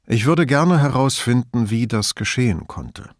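A man voicing a calm, probing male police inspector in an audiobook, speaking in a measured, quiet way. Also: mid-range voice, no room sound, clean studio sound.

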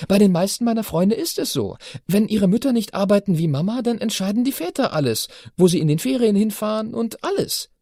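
A man's voice: high voice, expressive, fairly quick, hardly any pauses, warm tone, no room sound, clean studio sound, pitched above the performer's own voice. A man doing an insistent teenage girl. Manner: insistent questioning. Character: persistent teenage girl, curious and argumentative. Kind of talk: audiobook character voice.

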